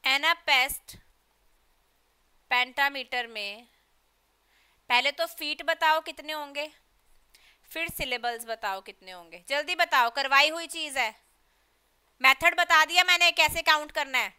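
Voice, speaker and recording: Lady teacher, high sharp voice, hurrying her students to answer. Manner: brisk, pushes students to answer quickly. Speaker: English literature teacher. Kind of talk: live online class, quizzing students.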